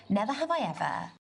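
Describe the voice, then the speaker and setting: A young British woman acting a playful, teasing date in a video game, with quick whispered asides. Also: mid-range voice, gravelly, exaggerated voice.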